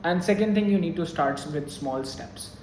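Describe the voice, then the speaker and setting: A young man speaks to his camera with open, earnest feeling. His voice sits a little high for a man, and it echoes around the room, with faint noise underneath. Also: normal speed, a little mellow. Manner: earnest and openly emotional. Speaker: vlogger. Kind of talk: casual vlog talk to camera.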